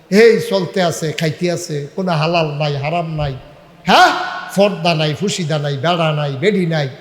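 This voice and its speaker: A man preaching a sermon, loud and emphatic, shouting out to the crowd and drawing answers back from them. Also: sits high, slight background noise. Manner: calls and answers with the audience. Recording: echoey hall with long reverb.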